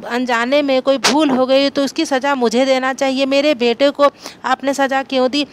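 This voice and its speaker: A woman voicing a devout old village mother who pleads with the goddess, with a high voice. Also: flat delivery, normal speed, lightly acted. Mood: pleading. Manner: pleading, tearful.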